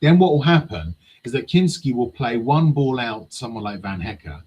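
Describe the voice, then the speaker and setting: A man's voice: medium pitch, big pitch swings, normal speed, a little mellow, husky, lo-fi sound. A man talking football tactics in casual chat, passionate and swearing freely.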